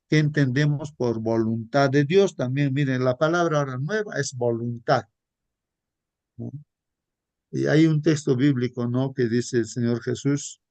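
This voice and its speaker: Slow Bible study teacher man. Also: medium pitch, darkish tone, no room sound. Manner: slow, repetitive, addresses listeners as brothers. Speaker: Sabbath school teacher.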